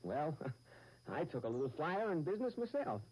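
An actor playing a chatty, self-assured youth in an old family radio comedy, talking in a folksy, informal way. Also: male voice, fairly high pitch, sing-song, moderate pace, darkish tone, husky, rough recording. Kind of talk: old radio sitcom acting.

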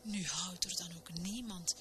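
A woman's voice: fairly low pitch, unhurried, crowd noise, natural voice. A woman whispering as fussy old spinster ladies, whispered role-play. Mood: fussing. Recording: noisy recording.

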